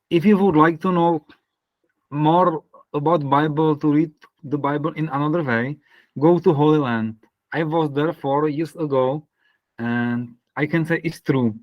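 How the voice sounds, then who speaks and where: A man from the Republic, a parish priest talking casually on a video call, searching for words with soft laughs. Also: on the high side, no room sound, muffled recording. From Czech Republic.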